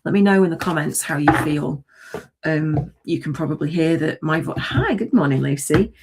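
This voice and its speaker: A woman guiding a tapping session on a morning livestream, talking slowly and soothingly, then chatting with viewers in a low, gravelly voice. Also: expressive, noisy background. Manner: slow, soothing guidance that turns chatty. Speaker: tapping and energy work coach.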